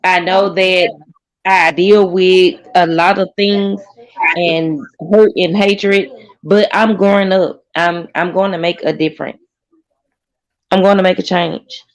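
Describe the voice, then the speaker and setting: A woman's voice: lowish voice, steady tone, takes it slowly, rough recording. A woman in her forties talking openly and earnestly on a group stream, repeating herself as she explains her struggles. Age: 40s. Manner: earnest, repeats herself, opens up about hardship. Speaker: guest caller on a group stream. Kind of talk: emotional casual chat.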